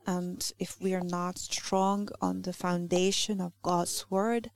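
A woman from Lithuania with a Lithuanian accent, a native Lithuanian speaker giving a halting church talk that searches for words. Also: on the low side, flat delivery, vocal fry. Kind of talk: sermon.

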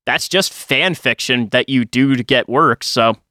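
A man with a bright, forward, mid-range voice chats casually as a podcast co-host, speaking a little slowly. He's animated and slangy. The sound is dry and close, with no room sound.

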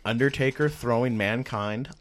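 A man's voice: mid-range voice, moderate pace. A man needling his friends in casual, crude group banter, with a sardonic manner.

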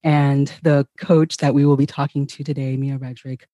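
Brief: woman from Ghana, podcast host, encouraging and upbeat, mellow warm tone, dry close-miked sound. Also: extremely low pitch, little pitch movement, moderate pace, dry recording. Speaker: podcast host and nurse practitioner. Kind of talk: podcast interview intro.

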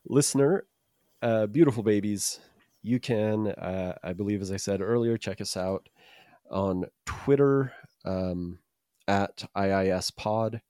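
A man with a low voice chats casually as a podcast host. He rambles and hesitates, gently mocking himself. The sound is dry, with very little room in it. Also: clean tone, no room sound. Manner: hesitant, rambling, self-deprecating. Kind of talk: casual chat.

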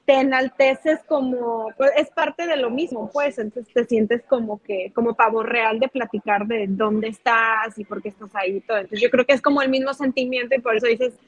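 A woman's voice: on the high side, fairly even intonation, normal speed, few pauses, highs cut off. A Mexican woman in casual conversation, earnest, repeating words as she thinks.

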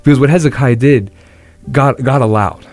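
A young man co-hosting a podcast, retelling a Bible story in an earnest, animated way with many restarts. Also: medium pitch, moderate pace, faint music behind. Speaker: podcast co-host. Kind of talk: casual Bible discussion.

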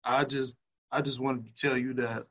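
A man asks questions in a casual, halting way, repeating himself as he gets to the point. His voice sits at an average middle pitch and sounds easygoing. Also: little pitch movement, fairly bright tone. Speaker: guest interviewer. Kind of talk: casual interview conversation.

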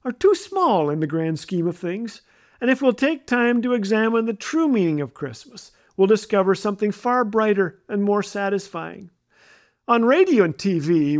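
A man from Canada telling funny, self-mocking stories as a radio host. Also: high voice. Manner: wry, self-mocking delivery. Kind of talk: humorous storytelling.

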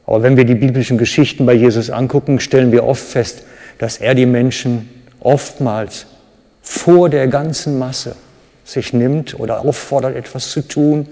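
A German man delivers a sermon in a church hall, his voice sitting in the middle of the male range. He preaches with animation, breaking into sudden loud, high cries when he acts out the people he quotes. The sound carries a long reverb from the hall. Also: fairly even intonation, moderate pace.

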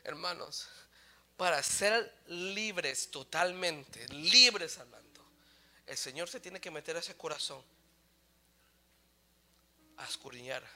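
A man preaching a sermon with raw emotion, swinging from hushed near-whispers to shouts, halting and restarting, slipping English phrases into his talk. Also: fairly high pitch, animated. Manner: mixes English phrases into Spanish. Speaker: pastor.

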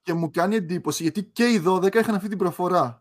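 A young man co-hosting a podcast in casual chat, relaxed, laughing often and trailing off mid-sentence. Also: high voice. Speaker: podcast co-host.

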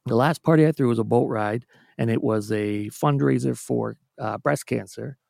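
In a dry, clean studio recording, a Canadian music producer chats casually as a podcast guest, telling long anecdotes at his own expense with many restarts. His voice is mid-range, creaky and a little mellow, at a moderate pace.

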